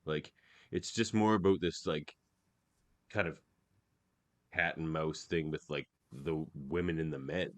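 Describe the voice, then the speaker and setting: A man's voice: very deep voice, steady tone, measured pace, long pauses, no echo. A man co-hosting a podcast, chatting casually and giving blunt opinions on a film. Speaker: podcast co-host.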